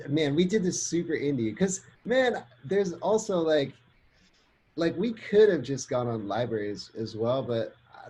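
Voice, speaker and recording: A man's voice: mid-range voice, a little mellow, rough recording. A man chatting casually as an interview guest. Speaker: interview guest, film composer. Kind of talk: casual chat.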